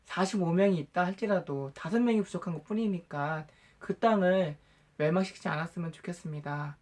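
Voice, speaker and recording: Old Abraham from a Bible storybook, voiced by a man. He speaks with humble, earnest care, in the plain voice of a gentle storyteller. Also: high-pitched, brisk, natural voice. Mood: pleading.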